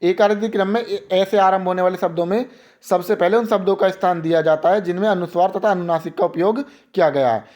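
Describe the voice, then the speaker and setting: A young man teaching an exam-prep grammar lesson, asking questions and answering them himself, and slowly repeating example words. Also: sits high, a little mellow, muffled recording.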